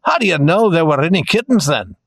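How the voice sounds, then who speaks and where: A man's voice: fairly high pitch, big pitch swings, a little fast. A man voicing a playful male doll in a storybook reading, in a plain, friendly questioning tone.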